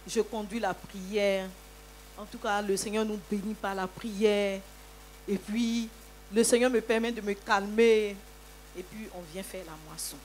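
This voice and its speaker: A woman giving a lively church testimony, telling her story with many hallelujahs. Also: medium pitch, a little slow, a little hiss or hum.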